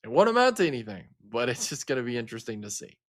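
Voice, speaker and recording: A man's voice: mid-range voice, big pitch swings, very fast, a bit bright. A man from Arkansas, hosting live weather coverage in a casual, chatty way, talking straight to his viewers. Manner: casual, chatty, talks to viewers as guys, frequent fillers. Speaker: livestream weather host.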